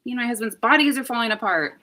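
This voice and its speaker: A woman's voice: a little high, fast talker, a little hiss or hum. Chatty woman vlogging in her kitchen. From United States. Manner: chatty, self-deprecating, breaks into soft whispers for mic tests. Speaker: vlogger livestreaming. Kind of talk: casual livestream chat. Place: home kitchen, indoors. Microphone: phone with clip-on mic.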